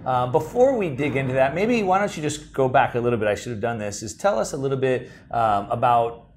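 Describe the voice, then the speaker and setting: A man's voice: medium pitch, expressive, brisk, a little hiss or hum. A man hosting a podcast interview at a conference, friendly and chatty, with plenty of "um" and "so". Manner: friendly, chatty, many "um" and "so" fillers. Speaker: podcast host. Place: conference venue.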